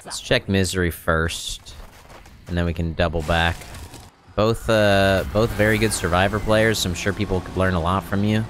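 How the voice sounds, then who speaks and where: A man's voice: low voice, fairly even intonation, normal speed, fairly bright tone. A man in his thirties giving casual gameplay tips and commentary into a close microphone as a streaming host. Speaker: game streamer and tutorial host. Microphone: close microphone on a boom arm. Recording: close mic with clear background noise.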